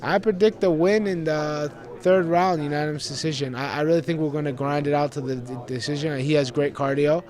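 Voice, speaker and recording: A man's voice: fairly high pitch, fairly even intonation, fairly quick, a little mellow. A young adult man from Greece, an MMA fighter giving a pre-fight interview in an earnest, rambling way, repeating words as he goes.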